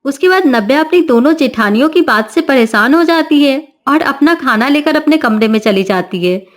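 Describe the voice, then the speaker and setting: A woman narrating a family cartoon story with a slightly high voice. Her delivery is smooth, steady and scripted. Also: normal speed.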